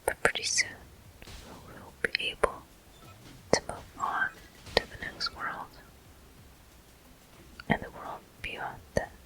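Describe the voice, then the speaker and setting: Whispering right up against the mic, a host narrates a game walkthrough ASMR-style, unhurried and pausing often. The voice comes across pushed and bright on a rough recording.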